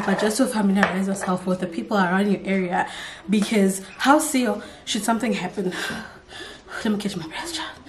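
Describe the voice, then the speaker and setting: In a noisy background, a young woman vlogs from her kitchen and living room, chatting to a nearby tripod camera in a mid-range voice. She tells a story casually and drops in Setswana phrases along the way.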